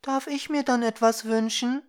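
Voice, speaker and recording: A man voicing a small, shy girl with a soft, high, timid voice in a storybook reading. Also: steady tone, moderate pace, clean tone.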